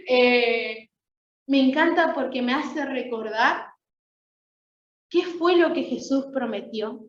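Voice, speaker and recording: A woman preaching an Easter week sermon in a church, talking in a conversational way and often checking in with her listeners. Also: sits high. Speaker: lay preacher. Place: church sanctuary. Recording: echoey, dull church sound.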